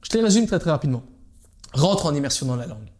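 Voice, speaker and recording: A man coaches viewers on learning a language in an informal lesson, speaking directly to them and hammering home his key points. He talks at a brisk clip in a warm, mellow voice that sits a little high for a man. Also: big pitch swings. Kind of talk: informal teaching monologue to camera.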